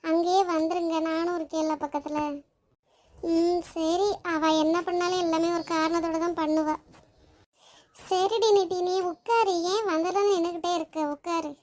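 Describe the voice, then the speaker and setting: Woman doing very high-voiced cartoon girlfriends. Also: steady tone, darkish tone. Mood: chatty. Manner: quick, scolding banter with a tearful edge. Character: young adult women friends, chatty and emotional. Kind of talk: animated cartoon voice acting.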